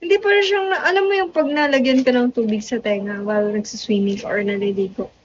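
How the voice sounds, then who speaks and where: A young woman chats away on her livestream, greeting viewers and mixing in bits of English. Her voice sits high. It comes through a phone mic with dull, lo-fi livestream sound and a faint hiss underneath. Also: fairly even intonation, brisk. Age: young adult. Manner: chatty, greets and answers viewers, mixes in English phrases. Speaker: livestream host. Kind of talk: casual live-stream chat.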